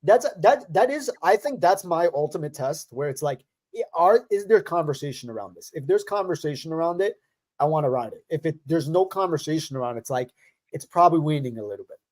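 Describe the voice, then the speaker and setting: A man's voice: on the high side, expressive, fairly quick, a little mellow. A young man co-hosting a casual chat, laid-back and teasing, laughing often. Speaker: podcast co-host.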